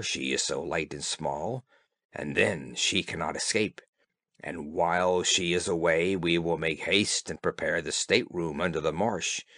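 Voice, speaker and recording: A man voicing a scheming old mother toad in a storybook, speaking low and slow. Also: fairly bright tone, no room sound, studio quality, heavily acted.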